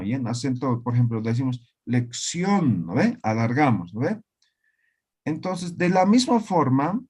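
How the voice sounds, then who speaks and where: A man with a voice on the high side teaches a language class online, repeating words slowly and frequently checking that his students are following.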